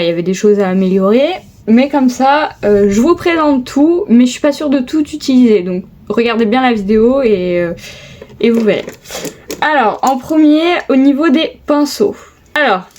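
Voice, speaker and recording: Young woman beauty vlogger, slightly high voice, casual and hesitant, phone-recorded at home. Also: darkish tone. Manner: chatty, lots of hesitations and repeated "trop, trop beau". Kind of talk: casual make-up tutorial chat. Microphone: phone camera.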